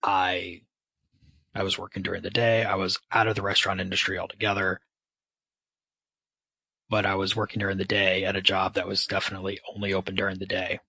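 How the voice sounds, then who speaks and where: A man's voice: deep voice, monotone, a little fast, vocal fry, long pauses, pushed and bright, breathy edge, dry recording, low-quality recording. A man speaking candidly and casually about his own experience, with wry, self-deprecating sarcastic asides. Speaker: podcast guest. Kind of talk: candid personal storytelling.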